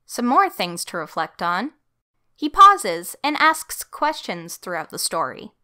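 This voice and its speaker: A woman's voice: mid-range voice, sing-song, a little slow, pushed and bright. A woman giving scripted instructional narration for a training video.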